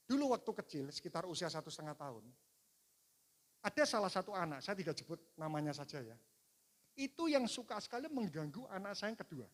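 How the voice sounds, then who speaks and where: A middle-aged man preaching a sermon, telling a personal story. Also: sits high. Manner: animated storytelling, voice rising and falling. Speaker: pastor.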